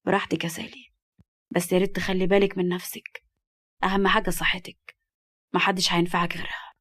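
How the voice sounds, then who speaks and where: A woman with an Egyptian accent voicing a gentle, protective young male cousin. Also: fairly low pitch, flat delivery, fast talker. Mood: caring. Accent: Egyptian Arabic.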